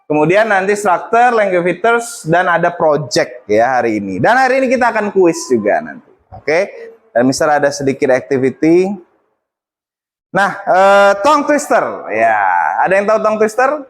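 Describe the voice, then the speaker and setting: A man's voice: sits high, sing-song, normal speed. A male English teacher instructing a classroom, mixing English phrases into his talk and prompting students.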